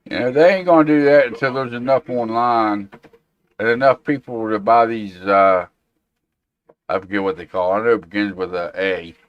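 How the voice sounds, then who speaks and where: A man's voice: on the low side, fairly even intonation, normal speed, no echo, muffled recording. A man hosting a tech show, chatting casually and informally and reacting to viewer comments. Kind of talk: casual livestream chat.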